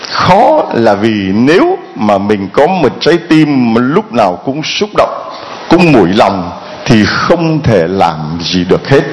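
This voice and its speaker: Vietnamese priest preaching, rhetorical questions. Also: male voice, mid-range voice, very animated, slow pace, a little hiss or hum, low-quality recording. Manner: rhetorical questions answered aloud, quoting parishioners' pleas. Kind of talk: Gospel reading and homily.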